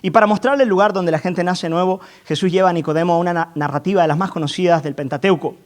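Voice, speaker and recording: A male pastor delivers a fervent sermon in a fairly high voice. He builds to emphatic peaks, asks his congregation for agreement, and often restarts and repeats his words. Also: fast talker.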